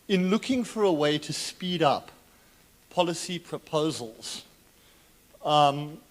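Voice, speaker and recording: A man making a quick, articulate public comment at a policy meeting. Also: on the high side. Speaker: meeting participant. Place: large conference hall.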